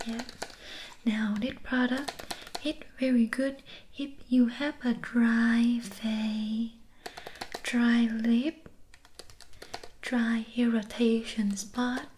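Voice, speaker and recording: A young woman playing a pushy shopkeeper in an ASMR role-play, soft-spoken and breathy with a Vietnamese accent and clipped broken-English sales patter. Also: fairly high pitch, flat delivery, very slow, pauses often, slight background noise. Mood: soft, salesy. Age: young adult. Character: pushy, persuasive female Vietnamese shopkeeper selling sleep remedies. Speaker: ASMR performer.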